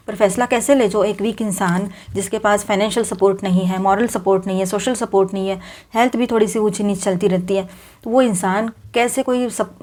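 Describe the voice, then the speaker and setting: A woman's voice: medium pitch, a little mellow. Woman giving a chatty tarot reading. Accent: Hindi. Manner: conversational, mixes English words into Hindi, many fillers and restarts. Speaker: tarot reader. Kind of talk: direct-to-viewer tarot reading.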